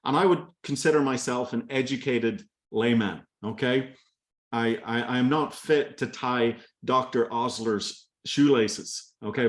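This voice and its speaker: A man in his forties from Northern Ireland with a light Belfast accent, giving an enthusiastic motivational talk on a group call, telling his story with many fillers and restarts. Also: medium pitch. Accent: light Belfast Irish. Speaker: company leader speaking on a kickoff call.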